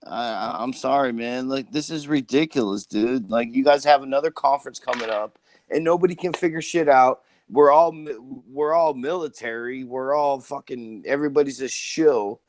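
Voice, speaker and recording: A man's voice: mid-range voice, normal speed, a little mellow, no echo. Profane exasperated man ranting on a call. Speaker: prank caller and channel host. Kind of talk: trolling phone call rant.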